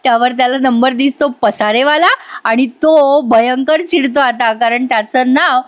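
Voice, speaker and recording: A woman telling the story of a TV-serial episode in a voice-over recap, talking straight to her viewers. Her voice sits high and her storytelling is lively. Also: moderate pace. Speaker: TV serial reviewer.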